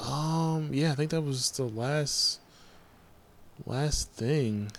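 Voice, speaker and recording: A podcast host in his forties chats casually, rambling through news items and hesitating with plenty of ums. His pitch is fairly high, he draws out his words, and there's no room sound.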